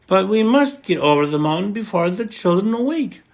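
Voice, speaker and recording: A man's voice: high-pitched, sing-song, normal speed, voice pushed up. A man voicing a group of dolls and toys from a storybook, pleading together.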